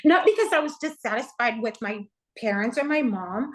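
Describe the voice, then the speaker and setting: A middle-aged woman from Texas speaks as a pastor giving her testimony. Her voice sits high, and she tells the story in an earnest, heartfelt way, often dropping in "you know" as she goes. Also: animated, normal speed, fairly bright tone, low-quality recording. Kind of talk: personal testimony in a conversational interview.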